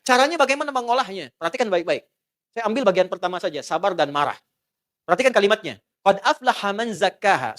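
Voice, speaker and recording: A middle-aged man preaching a relaxed sermon with jokes and acted dialogue. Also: high-pitched. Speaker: Islamic preacher.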